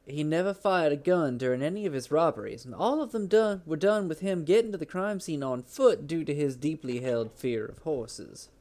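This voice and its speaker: A man's voice: on the high side, normal speed, few pauses, a little mellow. A man streaming a video game, chatting casually, swearing and reading game text aloud. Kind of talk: gaming stream commentary.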